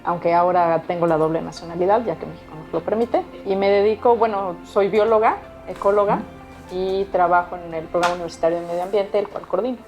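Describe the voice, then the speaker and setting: A woman's voice: on the low side, fairly even intonation, quick pace, a little mellow, soft background music. A woman from Mexico, a biologist, speaking in a composed way in an interview. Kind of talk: personal interview. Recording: dull, muffled sound.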